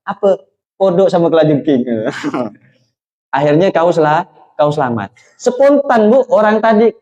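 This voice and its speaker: A man's voice: high voice, a little mellow. A man delivers a storytelling sermon. He keeps turning to the congregation with questions. The recording sounds dull and lo-fi. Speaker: preacher.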